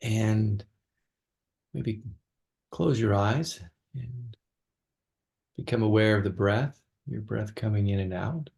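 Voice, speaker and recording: Leading a guided meditation, this teacher speaks softly and unhurriedly, letting long silences fall between phrases. His lowish voice carries vocal fry.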